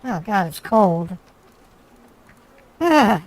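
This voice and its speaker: A stubborn woman customer with a notably high voice, as a man puts her on, digging in and repeating herself in an improvised phone prank. She argues insistently and sounds close and dry, with no room behind her. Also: very animated, extremely slow, dry recording, full character voice, low-quality recording. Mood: quiet, muttering.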